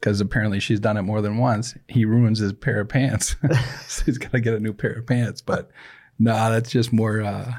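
A man's voice: lowish voice, fairly even intonation, normal speed, darkish tone. A middle-aged man hosting a podcast, telling stories in a casual chat and laughing often. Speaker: podcast host.

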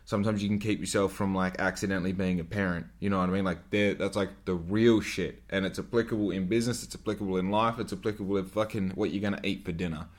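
Low-voiced man in his twenties rambling on a podcast. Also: fairly even intonation, fast, few pauses. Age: 20s. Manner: rambling, profane, filler-heavy with frequent "like". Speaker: podcast host. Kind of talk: solo podcast monologue.

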